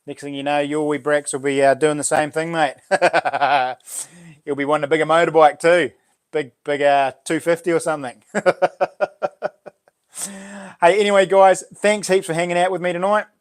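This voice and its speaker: Casting: male livestream host, broad Kiwi accent, fairly high voice, laid-back slangy chat. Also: steady tone, moderate pace, smooth. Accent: broad New Zealand. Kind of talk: casual livestream chat with viewers.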